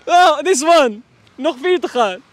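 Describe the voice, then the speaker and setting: A man's voice: very high-pitched, animated, slow pace. A young man hosting a casual street interview outdoors on a handheld mic, prodding people and repeating his words. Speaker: street interviewer and quiz host. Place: outdoors in parks and town squares. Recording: outdoor street recording, faint traffic noise.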